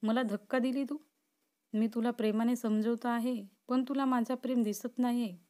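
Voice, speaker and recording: Woman doing a creepy obsessive guy, pleading then menacing, kinda high-ish for a guy, storybook reading. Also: steady tone, moderate pace, warm tone, close to an everyday voice. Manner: pleading then threatening, intense. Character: obsessive possessive young man, menacing.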